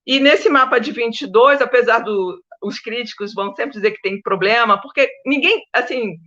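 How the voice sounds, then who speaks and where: Her voice sits a little high and comes across slightly bright at a normal speed, though the audio is dull. She's a Brazilian historian of science chatting as a panel guest, conversational and prone to tangents, with frequent checks that her audience keeps up.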